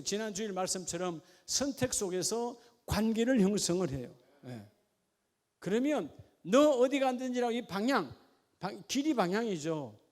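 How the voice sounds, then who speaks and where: High-voiced Korean pastor preaching to a congregation. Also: male voice. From Gyeongsang region of Korea. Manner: folksy preaching with questions to the congregation, dropping to a quiet aside. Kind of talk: sermon.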